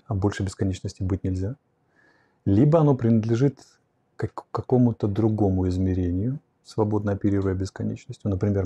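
A man's voice: lowish voice, gravelly, mellow, a little hiss or hum. A man in his forties answering viewer questions on philosophy in a livestream, speaking reflectively and explaining at a whiteboard, recorded on a lapel mic in a curtained studio room. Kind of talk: livestream lecture on philosophy and psychology.

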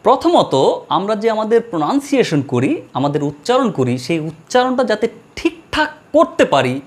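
Animated woman teaching grammar. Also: medium pitch. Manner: slow drawn-out model words, repeated for students. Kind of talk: classroom lesson.

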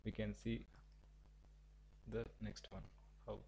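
A man with a low, gravelly, mellow voice talks through a screen-recorded software tutorial. He gives halting, stepwise instructions and often restarts his sentences. A faint hiss sits under the recording. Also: level tone, low-quality recording.

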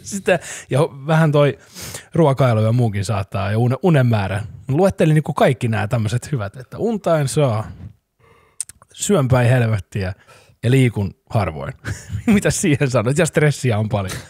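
A man in his thirties co-hosts a casual podcast and tells stories with animated energy, laughing along as he goes. His voice is husky at a middle pitch. The sound is close and dry. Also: no echo. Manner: animated storyteller, laughs often. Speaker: podcast co-host. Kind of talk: casual chat.

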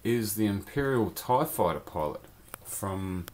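A man's voice: on the low side, animated, measured pace, darkish tone. A man casually reviewing a collectible toy in a rambling, chatty vlog from his home beer cellar. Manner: chatty, rambling, loose slang.

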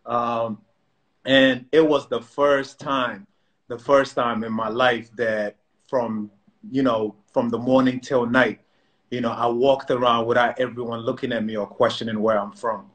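A man's voice: mid-range voice, fairly even intonation, unhurried, fairly bright tone. A middle-aged man from South Sudan, telling his story in casual chat on a phone video call, with many restarts and "you know"s. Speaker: co-host. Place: indoor room at home. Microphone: phone camera video call.

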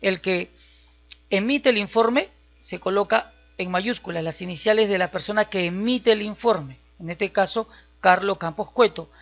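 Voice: medium pitch, a bit bright. Instructor, dull lo-fi audio. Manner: step-by-step, checks in with listeners. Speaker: computer skills instructor. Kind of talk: screen-recorded software tutorial. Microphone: voice-over on a screen recording.

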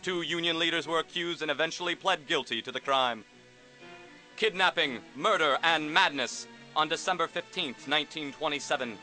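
A punchy old-time newsreel announcer, sounding like a 1940s newsreel, as a man puts it on. He declaims every phrase with emphasis and lets dramatic pauses hang, pitched a little high for a man. Music plays beneath him. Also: lightly acted, rough recording. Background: music under the narration.

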